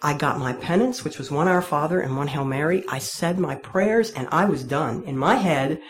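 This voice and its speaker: A woman's voice: sits low, moderate pace. A woman telling an audience her own faith story in a candid, wry, self-deprecating way. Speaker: speaker sharing a personal faith story. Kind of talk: personal testimony told to an audience.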